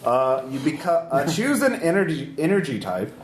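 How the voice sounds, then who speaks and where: Animated male game master in a roomy space. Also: fairly high pitch, moderate pace. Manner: profane, jokey. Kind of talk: casual tabletop game narration and banter. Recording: roomy, noisy tabletop recording.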